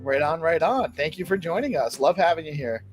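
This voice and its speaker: A man's voice: fairly high pitch, lively intonation, fairly quick, faint music behind. A man hosting a casual live community talk, emphatic and given to repeating his points. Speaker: talk show host.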